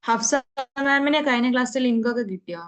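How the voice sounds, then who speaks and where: Woman teaching an online grammar class. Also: a little high. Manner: asks students questions and answers them herself; recites Arabic words slowly. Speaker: Arabic teacher.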